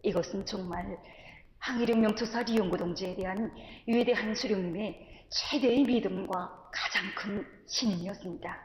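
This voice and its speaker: Solemn female speaker, North Korean accent, formal reverent script, strong hall echo. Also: mid-range voice. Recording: echoey hall, faint noise.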